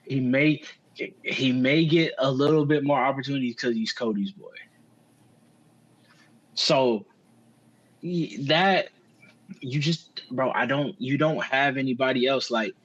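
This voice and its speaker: A man's voice: medium pitch, a little slow, pauses often, highs cut off. A man co-hosting a podcast, talking wrestling in a casual, slangy way and swearing freely. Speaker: podcast co-host.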